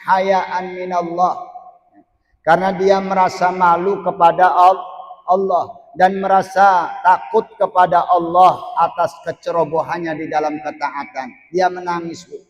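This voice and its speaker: A man teaching a religious text. He reads Arabic phrases, glosses each one in Indonesian, and puts questions to the women listening. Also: on the high side. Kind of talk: reading and translating an Arabic text in a study session. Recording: echoey hall with long reverb.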